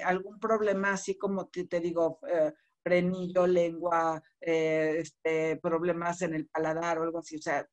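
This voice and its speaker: A middle-aged woman with a Mexican accent and a mid-range voice teaches public speaking in an online class. She's conversational, explaining with spoken examples, heard through a computer mic on a video call.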